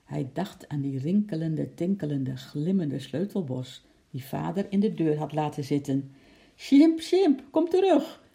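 Expressive children's storyteller, gravelly, deep dark colour, playful sound effects. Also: normal speed.

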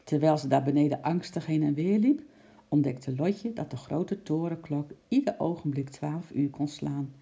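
A woman calmly reading a children's story aloud as the narrator. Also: sits low, moderate pace, gravelly.

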